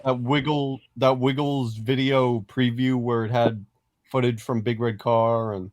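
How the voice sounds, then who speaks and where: A man's voice: mid-range voice, level tone, a little slow, a little hiss or hum. A man co-hosting a casual fan podcast, talking in a rambling, hesitant way with many restarts. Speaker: podcast co-host.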